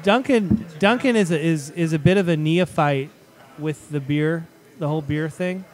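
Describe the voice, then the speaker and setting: A man's voice: a little high, moderate pace, a little mellow. Loose-talking male beer show host. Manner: loose, rambling with fillers. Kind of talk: casual beer show chat. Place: studio.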